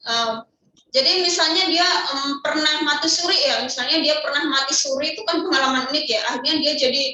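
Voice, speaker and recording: Woman teacher, high and bright, lecturing online from a very echoey room, a bit off-mic. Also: brisk, distant mic. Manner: explains step by step, asks and answers own questions, frequent "ya" tags.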